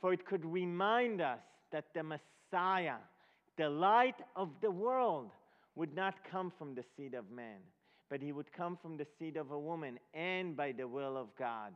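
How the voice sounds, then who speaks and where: This man from Israel, voice on the high side and animated, guest-preaches a Passover presentation. He teaches haltingly, checking in with the congregation through questions, inside a reverberant hall before an audience, all captured on dull, lo-fi audio.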